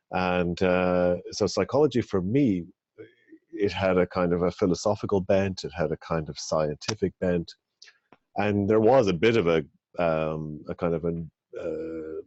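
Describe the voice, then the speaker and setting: A middle-aged Irish man with a very low voice answers interview questions in a measured, reflective way, pausing often with ums and restarts. The sound is dry and a little muffled, like a remote call. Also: a little mellow, no echo. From rural Ireland. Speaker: psychology academic guest.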